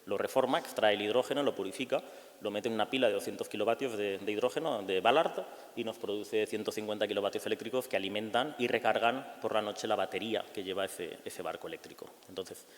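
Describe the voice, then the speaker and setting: A man speaking on a panel in a halting way, often repeating words mid-phrase. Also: on the low side. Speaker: panelist, ferry company representative. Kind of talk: panel presentation. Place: university conference hall. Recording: long reverb in a lecture hall.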